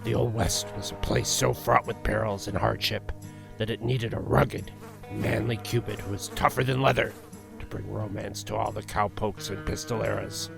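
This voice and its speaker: A man playing a rugged, manly cowboy Cupid who narrates a comic-book western in a gravelly, grandiose, folksy way. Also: lowish voice, fairly even intonation, normal speed, over music. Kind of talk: theatrical scripted narration.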